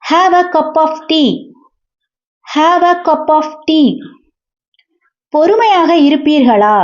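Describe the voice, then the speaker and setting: A woman teaching English, reading each sentence and repeating it slowly and with careful enunciation. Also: high voice, darkish tone. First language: Tamil. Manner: slow, deliberate, clearly enunciated repetition. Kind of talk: language lesson, sentences read and repeated. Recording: dull lo-fi recording.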